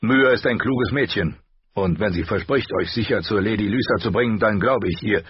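A man voicing a burly, blunt male lord who speaks slowly and gruffly. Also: fairly low pitch, no room sound, highs cut off, voice pushed up. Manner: slow and gruff.

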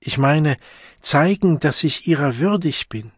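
A man's voice: on the high side, expressive, measured pace, slightly rough, dry recording, pitched above the performer's own voice, full character voice. An earnest, lovesick young man pours out pleading, verse-quoting speeches, as a male narrator puts him on. The voice sits raised and impassioned with a slight huskiness. It is an audiobook recorded dry and close.

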